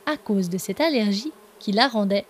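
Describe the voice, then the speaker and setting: Gentle woman reading a children's story. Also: medium pitch, lively intonation, normal speed.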